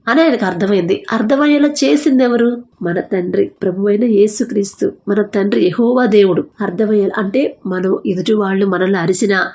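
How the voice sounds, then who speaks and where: A woman's voice: mid-range voice, brisk, warm tone. Earnest woman telling a faith testimony. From India. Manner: retells dialogue in quoted voices, earnest and conversational. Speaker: testimony speaker.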